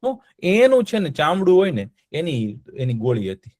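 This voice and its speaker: A man's voice: a little high, huge pitch swings, normal speed, darkish tone, no echo, clean studio sound. A man telling a history story to children, often stopping to quiz them with check-in questions.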